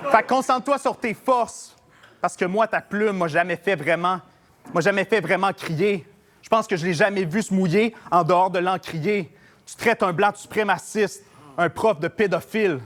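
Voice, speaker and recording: A man's voice: high voice, a bit bright. A man with a Québécois French accent battle rapping a cappella, with a mocking, sarcastic delivery. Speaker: battle rapper. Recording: noisy live battle recording.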